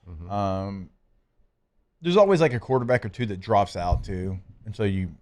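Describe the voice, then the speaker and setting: A man hosting a live sports radio talk show from a studio, chatting in a relaxed, joking way with plenty of fillers. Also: fairly low pitch, normal speed.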